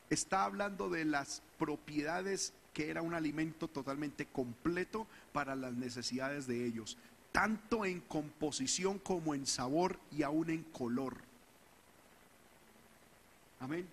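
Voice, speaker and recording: Preaching pastor in a reverberant church. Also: male voice, fairly high pitch, measured pace, fairly bright tone, a little hiss or hum. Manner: preaching with rising fervor, acting out the people's whining. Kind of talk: sermon.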